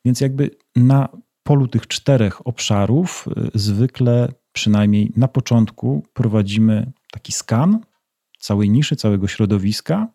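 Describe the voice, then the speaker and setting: Brief: middle-aged male guest, dark gravelly voice, measured explainer, dry close mic. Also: medium pitch, dry recording. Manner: measured, explanatory, uses rhetorical tags. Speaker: business intelligence consultant, guest. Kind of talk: interview answers.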